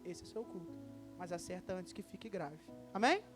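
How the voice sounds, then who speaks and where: A man with a Brazilian Portuguese accent preaching a sermon as pastor, lively and acting out short dialogues. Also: high voice, a little fast, over music. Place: church service.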